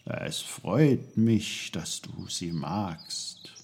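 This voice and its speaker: A man voicing old, wise talking trees that speak slowly and calmly. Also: sits low, a little hiss or hum, heavily acted. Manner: slow, calm, murmuring.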